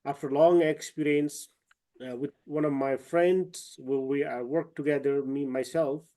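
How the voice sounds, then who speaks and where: A man from eastern Nepal, a trekking guide, talks on a video call in a slightly high voice. He speaks haltingly, full of fillers and restarts. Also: steady tone, dark tone. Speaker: trekking guide and company owner. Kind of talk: online webinar talk.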